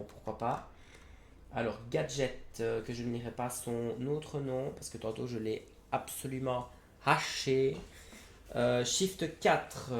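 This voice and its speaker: This young man has a somewhat mellow mid-range voice and reviews trading card game products in a casual way. He hesitates, leans on fillers, and frequently corrects himself. Faint background noise and a roomy echo are audible.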